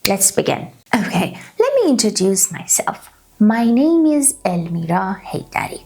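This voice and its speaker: Woman in her 30s, ESL teacher, slow and clear, sing-song pitch, bit of vocal fry. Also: very animated, dark tone. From Canada. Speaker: English teacher. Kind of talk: slow beginner English lesson. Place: small room indoors.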